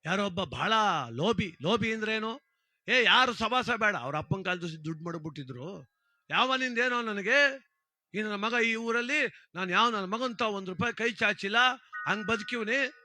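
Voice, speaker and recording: Bright-voiced man telling a folk tale. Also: sits high, normal speed. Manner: lively, dramatic and conversational. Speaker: storyteller. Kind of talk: humorous folk storytelling.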